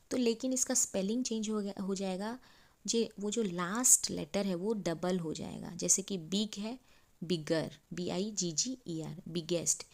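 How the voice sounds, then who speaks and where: Slightly gravelly woman teaching grammar. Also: lowish voice, a little mellow. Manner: slow, step-by-step explanation with repeated rhetorical questions. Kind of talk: explaining a grammar lesson.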